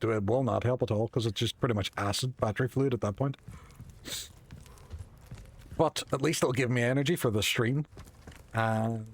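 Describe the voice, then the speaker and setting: Chatty male gamer thinking aloud. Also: medium pitch. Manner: chatty, rambling, talks to himself and chat. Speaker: gamer streaming a playthrough. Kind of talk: casual gameplay commentary.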